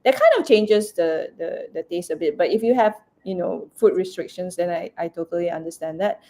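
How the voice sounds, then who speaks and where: A woman's voice: lowish voice, expressive, a little fast, dark tone. Rambling woman chef with many fillers. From Asia, Cantonese-speaking region. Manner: rambling, many fillers and restarts, bursts of laughter. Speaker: raw food chef and cookbook author, guest. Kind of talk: casual interview chat.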